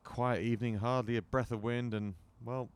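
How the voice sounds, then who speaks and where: A man commentates on golf in a slightly low voice. He calls each shot in short phrases and adds wry, conversational remarks. There is clear outdoor noise behind him. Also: fairly even intonation, normal speed.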